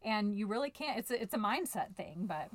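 A woman's voice: mid-range voice, sing-song, brisk, no room sound. A woman co-hosting a casual podcast as a choir director, blunt and joking in her delivery.

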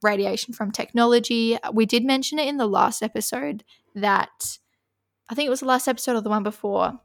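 Chatty woman with a creaky voice. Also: mid-range voice, no echo, clean studio sound. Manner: chatty, filler-heavy, many "like"s. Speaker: podcast co-host. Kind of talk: casual chat.

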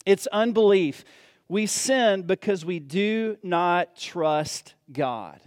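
A man's voice: high-pitched, animated, extremely slow, no room sound. A man preaching a sermon in an earnest way, repeating key phrases for emphasis and growing emphatic on key points.

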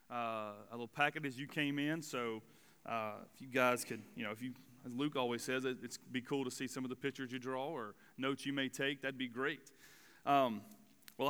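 A man in his forties preaches a sermon in a bright, ringing voice that stays smooth and clear. He talks to the room in a relaxed, chatty way, with plenty of fillers. The church hall lends his voice a long reverb. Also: medium pitch. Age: 40s. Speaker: student pastor. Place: church sanctuary.

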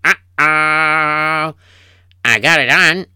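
A man's voice: fairly high pitch, extremely slow, sharp tone, clear, resonant tone, no room sound, heavily acted. A man playing a fretful Yiddish-accented husband. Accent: Yiddish-inflected English. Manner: kvetching, sighing oy vey. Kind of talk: improvised comic radio story.

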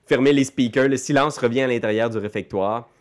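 A man narrates a tabletop game as game master. He tells the scene in a lively way, full of fillers, at a middling pitch. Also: brisk.

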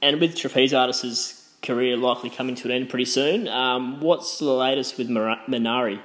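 A man's voice: mid-range voice, fairly even intonation, a little fast, a bit bright. An Australian man conducting a casual interview, asking questions in a friendly, somewhat hesitant way.

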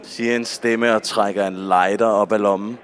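A man narrating a radio drama, reading stage directions in a flat, repetitive way. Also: on the low side.

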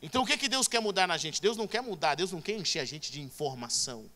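Bright-voiced preacher man. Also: sits high, animated, fast talker. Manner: emphatic, swings from hushed to loud. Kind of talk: sermon.

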